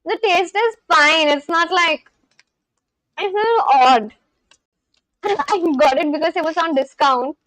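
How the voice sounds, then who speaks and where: A woman's voice: very high voice, measured pace, long pauses, fairly bright tone, no echo, rough recording. A woman in her twenties with an Indian English accent, chatting casually on a live stream and reading viewer comments aloud. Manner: chatty, reads viewer comments aloud, frequent likes and laughs.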